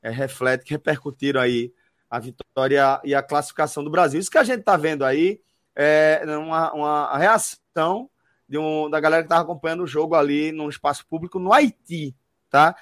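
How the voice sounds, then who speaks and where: A Brazilian man hosting a casual football chat, pausing often with fillers. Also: a little high, a bit bright, no echo, studio quality. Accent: Brazilian Portuguese. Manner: hesitant, fills with "é". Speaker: show host.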